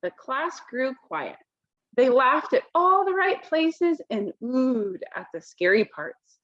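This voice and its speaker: A woman reading a picture book aloud to children, expressively, pausing to explain it in simple words. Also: high-pitched, big pitch swings, fairly bright tone, highs cut off.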